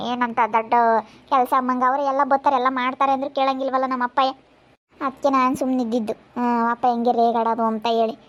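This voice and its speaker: A woman chatting in a family vlog, brisk and reassuring. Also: sits high, highs cut off. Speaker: family vlogger. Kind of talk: casual family chat.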